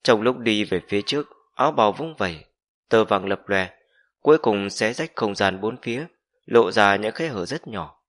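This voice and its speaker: A man reads a fantasy novel aloud as an audiobook narrator. His voice sits fairly low and his delivery stays steady and measured throughout.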